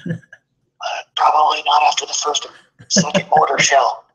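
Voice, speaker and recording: A man calling in on speakerphone, talking in a loud hoarse whisper so he won't wake a sleeping child. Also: a little high, monotone, normal speed. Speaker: caller, friend of the host. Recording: tinny phone line.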